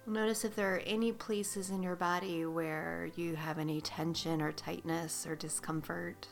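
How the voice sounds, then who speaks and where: A woman guiding a meditation, speaking slowly and soothingly with drawn-out phrases that sometimes soften to a whisper. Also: lowish voice, steady tone, creaky, soft background music. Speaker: meditation guide. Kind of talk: guided meditation.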